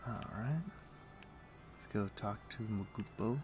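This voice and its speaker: A man with a lowish, unhurried voice livestreams a game, chatting casually, rambling and thinking out loud. Music plays in the background.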